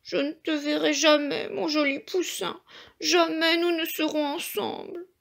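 A woman's voice: a little high, big pitch swings, takes it slowly, full character voice. Woman voicing a pleading mother hen. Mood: sobbing. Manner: pleading, tearful. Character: anxious loving mother hen.

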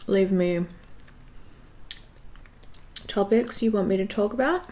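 A shy, awkward young woman chatting hesitantly while she eats at home, in a fairly monotone voice with many ums. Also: medium pitch, slow, a little hiss or hum. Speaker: YouTube creator. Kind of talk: casual mukbang chat while eating. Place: at home indoors by a window.

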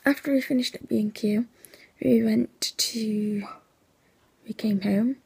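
A young woman rambles through a casual vlog chat. Her voice is hoarse and nearly gone, a gravelly, breathy half-whisper. She sounds drowsy, piling on fillers as she talks. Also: a little high, steady tone, takes it slowly, a little mellow. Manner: rambling, chatty, with many fillers. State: sleepy, yawning. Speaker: vlogger.

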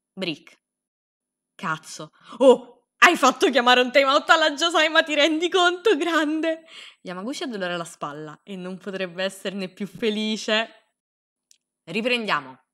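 A young woman giving an excitable, sarcastic comedic recap, swearing freely as she reacts. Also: a little high, background noise. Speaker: anime recap host.

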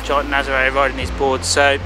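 A man's voice: mid-range voice, monotone, brisk, background noise. A man in his thirties, a surfer and vlogger, talking casually to camera outdoors on a seaside cliff, rambling with ums and likes. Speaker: big-wave surfer and vlogger. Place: outdoors on a clifftop by the sea at dusk. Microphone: camera close-up.

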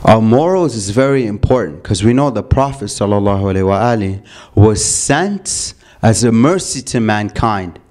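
A man's voice: lowish voice, animated, moderate pace, a little mellow. A young man lecturing youth on faith in a community hall, asking rhetorical questions and often restarting his phrases.

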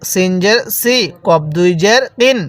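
A man's voice: high voice, a bit bright, dry recording. A man teaching Quran reading, spelling out letters and drawing out each sound for learners to repeat. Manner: slow drawn-out recitation of letters. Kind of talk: spelling lesson with call-and-repeat.

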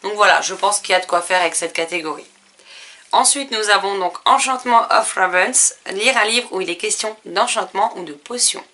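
A woman book vlogger talking casually through her reading challenge, with a bright and clear voice. She reads out categories one by one, stopping for fillers and quick corrections. Her pitch sits in an ordinary middle range. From France. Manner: chatty, reads out a list with frequent fillers and self-corrections.

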